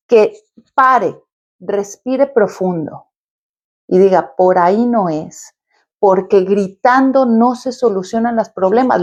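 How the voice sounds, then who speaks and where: A woman's voice: on the high side, darkish tone. A woman therapist speaking straight to her viewers in an advice video, explaining step by step in an encouraging way. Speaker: quantum therapist.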